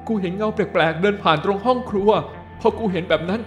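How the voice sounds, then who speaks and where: A man's voice: high voice, a bit bright, faint music behind, pitched above the performer's own voice. A man doing a panicked young guy trapped in a haunted house. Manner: frantic, pleading, rushed.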